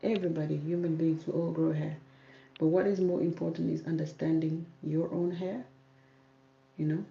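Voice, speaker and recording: A young woman from South Sudan, raised in Kenya, hosts a YouTube hair channel and answers viewer comments during a livestream. Her voice sits low and is gravelly and mellow, with fairly even intonation and a normal pace, and she speaks firmly, repeating herself for emphasis. The audio is roomy and dull, with faint noise.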